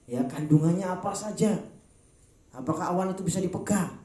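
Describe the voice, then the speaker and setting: A man's voice: sits high, brisk, a little mellow, reverberant. A man with a Javanese accent gives a casual, joking Quran study talk to an elderly group in a park, acting out little dialogues and laughing often. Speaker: preacher. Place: outdoor park gathering.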